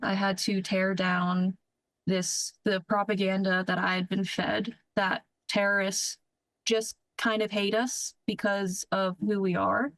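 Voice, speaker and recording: A woman's voice: mid-range voice, dry recording, rough recording. A young woman, an active duty Air Force lieutenant, answering in a news interview, earnest and careful with frequent restarts.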